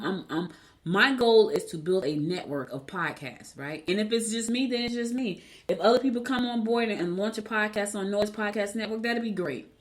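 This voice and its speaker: A middle-aged woman hosting a motivational solo podcast, speaking candidly with repeated phrases for emphasis, her words slightly slurred and stumbling from braces. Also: mid-range voice. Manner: talks with braces, stumbling over words at times. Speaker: podcast host.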